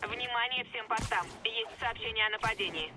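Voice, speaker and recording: A man voicing a calm male police dispatcher in a video game, heard over a police radio and giving clipped, formal calls to all units. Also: very high-pitched, moderate pace, over music. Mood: businesslike. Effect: police radio transmission.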